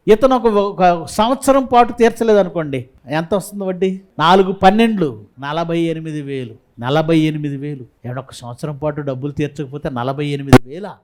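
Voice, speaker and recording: A male Bible teacher with a rather high voice. He asks the listeners questions and answers them himself. He reads scripture slowly, in an even, explaining tone. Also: a little hiss or hum. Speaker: pastor.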